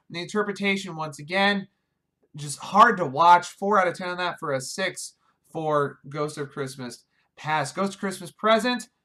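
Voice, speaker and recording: A man's voice: high voice, sharp tone. A man giving a casual video review of a film, wry and exasperated, often restarting his sentences. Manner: wry, exasperated, talks over himself with restarts.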